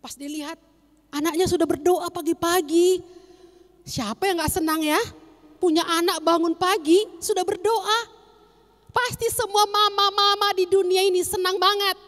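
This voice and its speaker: A young woman teaching children at Sunday school, animated, asking questions and answering them herself. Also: very high-pitched, normal speed, long reverb tail.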